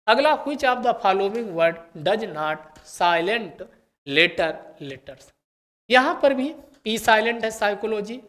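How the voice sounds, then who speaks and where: A woman's voice: medium pitch, fairly bright tone. A woman teacher going through an English test paper for exam candidates, asking questions and answering them herself and repeating key words. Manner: reads English test sentences slowly and carefully.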